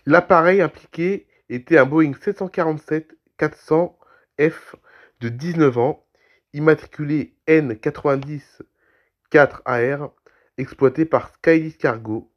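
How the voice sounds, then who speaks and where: A man who has a cold is reading aviation news aloud and commenting on it, coughing, clearing his throat, and starting phrases over. His voice is mid-range, and his pace is steady though a little slow. The recording sounds slightly dull.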